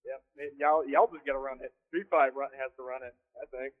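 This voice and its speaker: A man's voice: mid-range voice, fairly even intonation, fairly quick. A young man phones in to the show, and his voice comes through thin and tinny on the line. He rambles through a casual story, stopping often for fillers and restarts. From Kansas. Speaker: caller.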